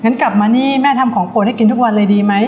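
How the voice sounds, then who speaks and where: An actress playing a fond, doting mother who gently coaxes her daughter. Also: a little high, very fast, muffled recording, slight background noise, close to an everyday voice. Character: doting middle-aged mother of a rich family. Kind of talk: short drama acting. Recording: reverberant room with music.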